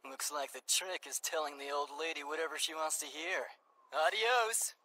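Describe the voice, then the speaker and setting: A man's voice: on the high side, moderate pace, bright, forceful tone, poor audio. A man voicing a smug, cocky young man in an anime dub, confident and teasing.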